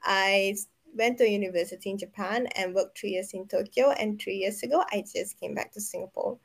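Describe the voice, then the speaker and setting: A woman's voice: medium pitch, vocal fry. A woman co-hosting a casual podcast who rambles, halts and corrects herself as she talks. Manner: rambling, halting, self-correcting. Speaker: podcast co-host.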